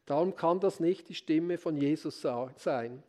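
A man with a notably high voice delivers a sermon in a calm, earnest way. He speaks as a preacher and keeps drawing his listeners in with brief rhetorical questions. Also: unhurried.

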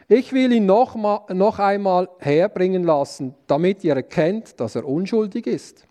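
A man's voice: high voice, a little slow, warm tone, voice pushed down. A man reading a stern Roman governor.

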